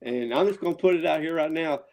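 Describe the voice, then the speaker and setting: A man's voice: a little high, quick pace, lo-fi sound. A man with a Southern US accent talking casual, profane wrestling trash as a guest, rambling and riled up. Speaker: wrestling promotion owner, show guest.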